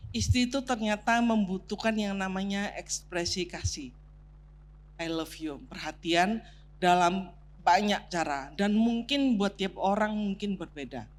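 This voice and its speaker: Woman preaching a marriage sermon. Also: medium pitch. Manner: teaching, lists points, mixes in English terms; prompts the congregation to take part, laughs along. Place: church sanctuary.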